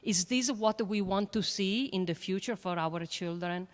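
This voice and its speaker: A woman scientist speaking on a panel in an earnest, halting way, with many fillers and repeated words. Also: medium pitch. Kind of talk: panel discussion remarks.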